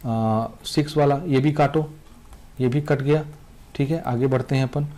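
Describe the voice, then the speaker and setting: A man's voice: mid-range voice, steady tone, unhurried, dark tone. A young man with a Chhattisgarhi Hindi accent teaching students, repeating instructions over and over and urging them to cross out topics. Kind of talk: classroom lesson addressed to students.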